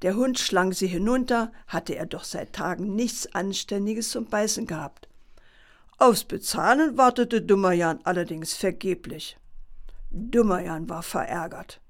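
Calm woman storyteller for a bedtime tale, slow measured reading. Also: medium pitch.

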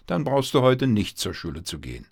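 A man's voice: medium pitch, very animated, brisk, vocal fry, husky, pitched above the performer's own voice, heavily acted. Man doing a teasing old grandma. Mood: cheerful. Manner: bright, teasing, lilting.

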